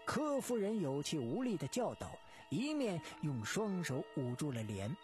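Expressive storyteller with lively pitch. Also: unhurried, faint music behind. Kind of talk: dramatic story narration.

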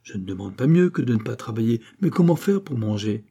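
A man's voice: medium pitch, animated, fairly quick, creaky, warm tone, breathy edge. A man voicing a practical, skeptical male villager who asks plain, doubting questions. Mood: doubtful.

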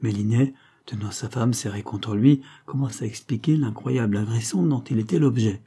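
A man narrating a novel as an audiobook in a measured, steady reading. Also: medium pitch, husky.

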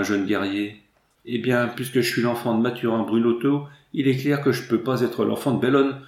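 A booming young country soldier, put on by a man, hearty and blunt. His voice sits low and rings through a roomy space. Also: gravelly, darkish tone. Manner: boisterous, booming country talk. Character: loud rustic young male soldier, jovial and blunt.

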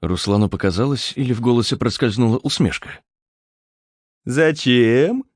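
A man narrating an audiobook with a measured, expressive reading. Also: sits low, dry recording. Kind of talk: scripted narration.

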